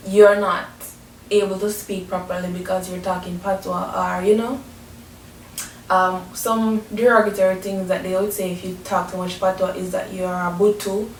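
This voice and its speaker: A woman from Jamaica with a Jamaican accent, giving an explanatory educational talk as a presenter. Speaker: presenter explaining language and culture. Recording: roomy echo, distant mic, faint rumbling noise.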